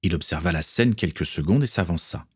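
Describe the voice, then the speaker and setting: A man narrating a storybook reading in an expressive storytelling manner. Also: low-pitched, brisk, slightly rough.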